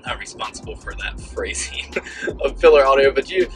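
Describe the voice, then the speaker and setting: A middle-aged man hosting a casual coaching podcast on the go, talking in a halting, rambling way with emphatic repetition, through a poor cheap mic. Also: medium pitch, expressive, a bit bright. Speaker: podcast host, real estate broker. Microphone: low-quality portable mic. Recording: poor cheap mic sound, faint music.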